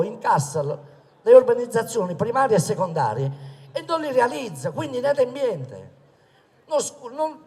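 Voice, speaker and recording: A man's voice: high voice, darkish tone. A man giving an emphatic, indignant political rally speech in a public square. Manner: emphatic, indignant, rhetorical questions and repetitions. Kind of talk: impassioned political stump speech. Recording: long reverb of public-address sound in square.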